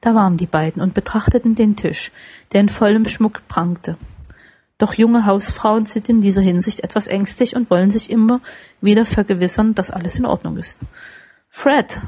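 A woman narrates a classic tale in a steady, expressive audiobook reading. Her voice has a slightly husky, breathy edge at a mid pitch. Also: moderate pace.

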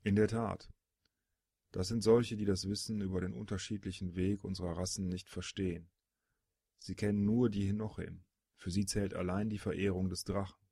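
Man voicing a grave, gravelly dragon-born being. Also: low-pitched, level tone, moderate pace, dark tone, dry recording, studio quality, exaggerated voice.

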